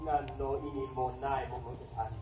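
A man reciting verse on stage in a slow, measured way. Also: mid-range voice, fairly even intonation, warm tone. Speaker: performer reciting translations. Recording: echoey stage from far off, clear noise.

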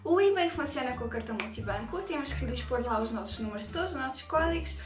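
A young adult beauty vlogger with a European Portuguese accent shows off cheap online purchases in a casual haul video, sounding hesitant and filler-heavy. Her voice sits high, animated and fast. She records in a small, echoey bathroom with loud music playing.

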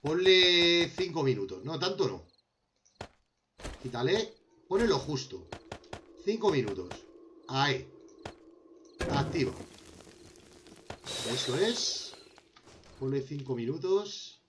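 Here a young man from Spain, Spanish accent and all, casually narrates his crafting in a survival game, addressing himself and his viewer friends. His voice is a little high and sing-song, slow, with frequent pauses and a fairly bright tone. A little hiss or hum sits underneath.

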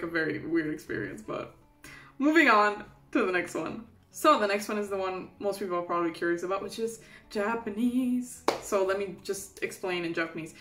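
A German woman in her twenties, with a German accent, chats casually to the camera as a vlogger from a small indoor bedroom. She pokes fun at herself and laughs often, her medium-pitched voice a bit bright and reverberant.

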